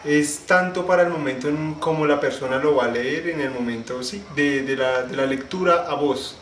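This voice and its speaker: A young man giving a class presentation, explaining step by step, restarting phrases and slowing down to spell out syllables. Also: a little high, fairly bright tone. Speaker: student presenter. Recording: echoey room, faint ambient noise.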